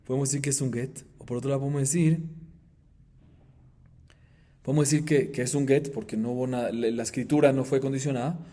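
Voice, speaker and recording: Mellow-voiced rabbi teaching Talmud. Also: male voice, fast, long pauses. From Colombia. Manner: animated, rising to emphatic highs, chanting Aramaic text. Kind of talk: Talmud class in Spanish.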